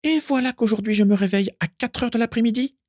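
A man doing an enraged shrill woman, shrieking accusations, very high, storybook. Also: quick pace, darkish tone, dry recording, studio quality. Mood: furious. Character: furious shrill adult woman. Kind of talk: audiobook reading.

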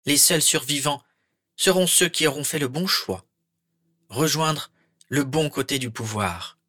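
A man voicing a cold, menacing dark wizard with a high, silky, hissing voice. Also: no echo, clean studio sound. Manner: slow, honeyed, threatening. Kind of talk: audiobook character voice.

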